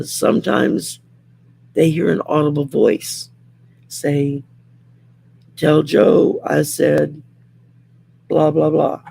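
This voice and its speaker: A middle-aged woman with a raspy, worn whiskey voice, deep and mellow, hosts a casual live chat show. She talks in an unhurried, rambling, plain-spoken way. The recording is rough.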